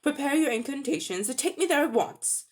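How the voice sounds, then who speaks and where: A woman's voice: high-pitched, expressive, a little fast, voice pushed up. A woman voicing a haughty, towering evil sorceress queen in a storybook, grand, commanding and contemptuous. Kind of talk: dramatic storybook reading.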